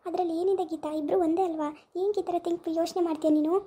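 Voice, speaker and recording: A gentle, wronged woman who pleads in hurt, quick questions, as a woman plays her. The voice is very high, soft and dark in tone, and she talks fast. This is an amateur village drama. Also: steady tone. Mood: pleading.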